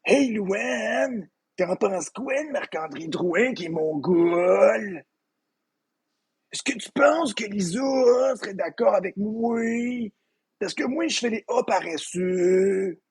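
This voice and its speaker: Brief: man impersonating a slow, raspy, high-pitched Québécois cartoon dad. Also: animated, darkish tone, exaggerated voice. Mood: lecturing. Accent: Québécois French. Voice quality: gravelly, very husky, high and swooping. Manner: slow, rambling fatherly lecturing. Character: bumbling gravelly cartoon dad, middle-aged man. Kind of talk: comedic impression.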